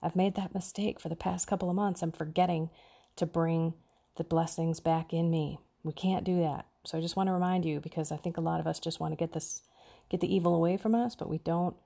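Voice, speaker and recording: A woman's voice: lowish voice, fairly even intonation, a little fast, creaky, mellow. A woman hosting a podcast, giving an earnest, preachy personal faith talk with bursts of emphasis. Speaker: podcast host.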